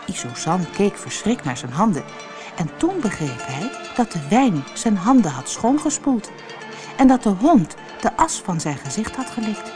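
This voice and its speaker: A woman from the Netherlands reading a children's fairy tale aloud with expressive storytelling. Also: on the low side. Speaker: narrator.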